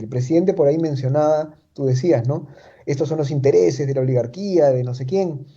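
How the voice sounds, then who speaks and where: A man's voice: on the high side, mellow, husky, highs cut off. A man from Chiclayo, Peru, with a Peruvian Spanish accent, giving political commentary as an analyst in an interview. He talks emphatically, repeats his points and tags them with rhetorical questions.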